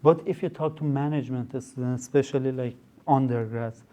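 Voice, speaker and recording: A young man with a Persian accent, guesting on a podcast as a startup founder, talks briskly in a mellow, medium-pitched voice with fairly even intonation. He's hesitant in this conversational interview, leaning on fillers and reworking sentences as he goes.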